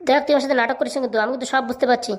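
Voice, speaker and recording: A woman's voice: high voice, steady tone, racing, voice pushed down. A woman voicing a brash, scheming young man in a family cartoon, speaking in a swaggering, bossy manner. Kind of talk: cartoon voice acting.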